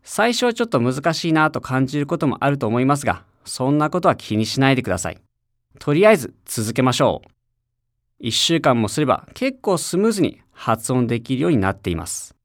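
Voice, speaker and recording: A man narrating a scripted language lesson for an audio CD, with an ordinary mid-range pitch. He speaks with a friendly teacher's patience, encouraging listeners to repeat after him. The sound is close and dry, with no room echo. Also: sing-song, a little fast. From Japan. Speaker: English teacher.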